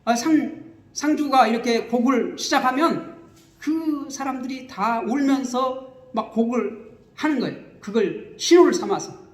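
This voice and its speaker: A man preaching a sermon as pastor, explaining scripture with lively repetition and acted-out wailing, recorded in a church. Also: very high-pitched, measured pace. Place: church sanctuary. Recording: echoey church hall.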